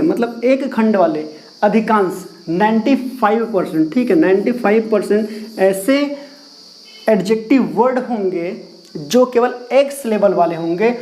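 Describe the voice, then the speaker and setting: Guy teaching grammar, keeps asking the class and repeating stuff, warm low-key tone. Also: low-quality recording. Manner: asks the class questions and repeats key words; writes and erases on a board while explaining. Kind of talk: classroom lesson explained in Hindi.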